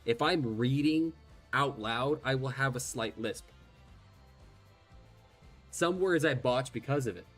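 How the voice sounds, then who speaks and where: Speaking slowly with frequent pauses, this man has a mid-range, slightly bright voice and a slight lisp. Gaelic is his first language, and he gives rambling, self-deprecating game commentary with occasional swearing while faint game music plays.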